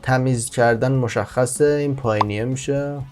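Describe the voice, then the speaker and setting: A man hosting a language-learning channel, explaining a screen-recorded word game step by step and slowing down on word meanings. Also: mid-range voice, darkish tone, faint music behind. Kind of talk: screen-recorded tutorial voice-over.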